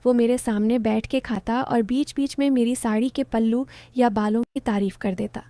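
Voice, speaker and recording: Warm-voiced woman telling an emotional story. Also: on the high side, steady tone, normal speed, no room sound. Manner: soft, heartfelt, confiding. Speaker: first-person narrator. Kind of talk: scripted narration of an emotional story.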